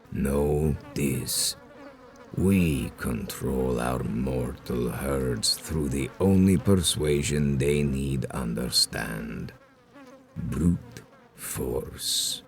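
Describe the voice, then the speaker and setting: Extremely deep, menacing ancient vampire lord. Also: male voice, heavily acted. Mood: grave menace. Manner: solemn, grandiose, deliberate. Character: ancient menacing male vampire sect leader, grandiose and cold. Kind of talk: dramatic video game villain dialogue.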